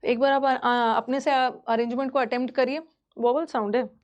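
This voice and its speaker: A woman teaches English grammar, mixing Hindi and English as she goes. Her voice sits high and she speaks in a lively, teacherly way, repeating key points for her students. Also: moderate pace, highs cut off.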